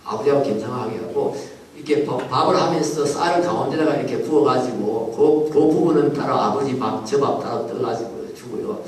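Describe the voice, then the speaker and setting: A pastor telling a childhood story in a sermon, acting out the people in it. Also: male voice, mid-range voice, brisk, few pauses, slight background noise. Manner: animated storytelling, acts out voices. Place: large church hall. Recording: echoey hall from far off.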